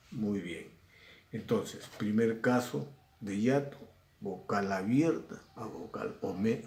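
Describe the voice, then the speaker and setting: A male teacher from Peru giving a recorded grammar lesson, patient and repeating example words slowly. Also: medium pitch, creaky, a little mellow. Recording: echoey room.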